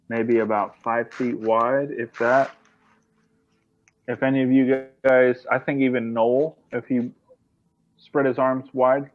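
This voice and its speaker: A man running a tabletop game as game master, describing scenes in an unhurried way. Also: mid-range voice, dry recording. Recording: tinny phone-like line.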